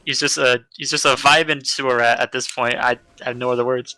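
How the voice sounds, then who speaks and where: A man giving color commentary on a live esports match, breaking down plays in a relaxed, slangy way. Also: mid-range voice, fairly quick, smooth, dry recording, rough recording.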